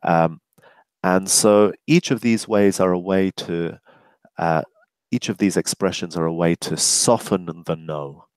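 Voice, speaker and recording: Male ESL teacher, lowish voice, deliberate with fillers, demonstrates phrases aloud. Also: a little mellow, smooth, no echo. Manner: slow, deliberate, many fillers, models phrases with rising intonation. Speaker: English teacher. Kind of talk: webinar lesson.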